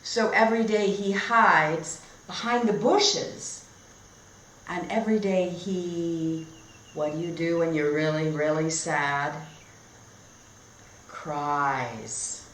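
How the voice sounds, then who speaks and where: Her low voice reads a children's story at a slow, careful pace, as a teacher showing read-aloud techniques in a lesson for young learners. She uses short, simple phrasing and frequently turns to questions for the listeners, all in an echoey room with noticeable background noise.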